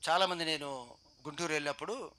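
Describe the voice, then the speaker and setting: A man with a Telugu accent preaching a sermon to a youth meeting, exhorting with rapid rhetorical questions and swinging between loud and quiet. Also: on the high side. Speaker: pastor.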